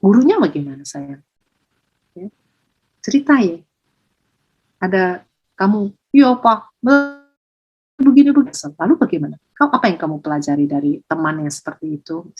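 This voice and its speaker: A woman speaks to parents in a lively parenting talk. Her voice is husky and slightly breathy. She keeps jumping up high to mimic what parents say. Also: moderate pace, pauses often, highs cut off. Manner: lively, swings into high acted quotes of parents. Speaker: school leader giving a parenting talk.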